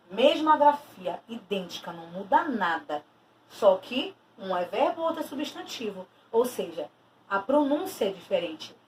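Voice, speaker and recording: A woman teacher giving a recorded lesson, explaining patiently and stressing key terms as she repeats them. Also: a little high. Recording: distant mic with faint noise.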